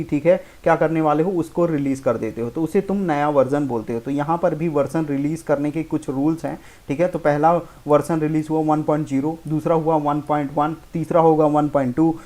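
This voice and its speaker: A man's voice: on the high side, a little mellow. A man teaching programming in a casual lecture style, who explains informally, keeps checking in with "okay" and corrects himself as he goes. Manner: informal, keeps saying "theek hai", self-correcting. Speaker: programming tutor. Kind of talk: casual Hindi-English lecture.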